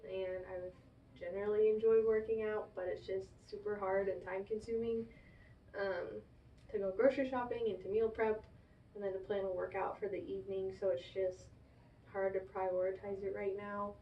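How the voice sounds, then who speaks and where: A woman's voice: mid-range voice, level tone, moderate pace. A woman talking through her own feelings as the client in a counseling session. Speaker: client in a therapy role play. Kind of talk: casual spoken reflection in a counseling session. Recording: echoey, distant, muffled, faint noise.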